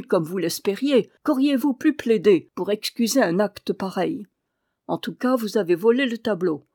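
Woman reading as a sly old sage, loud and bold. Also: medium pitch, no room sound, studio quality, lightly acted.

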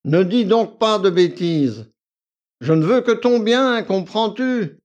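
A man's voice: high-pitched, expressive, slow, a little mellow, muffled recording, pitched above the performer's own voice. A man voicing an arrogant, lazy young male valet who talks in a nasal, drawling, condescending way. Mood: bored, condescending.

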